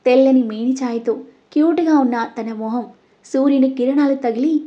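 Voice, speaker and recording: A woman reading an audio story aloud, voicing every character's lines in her own voice and getting louder for the dialogue. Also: high voice, moderate pace, lo-fi sound. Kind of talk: scripted audio story narration.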